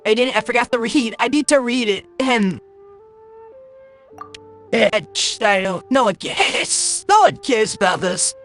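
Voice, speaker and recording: Slow and animated, a mid-range, somewhat bright voice carries a game streamer's casual commentary, blunt and grumbling with exasperation. A voice changer seems to be applied, and game music runs in the background.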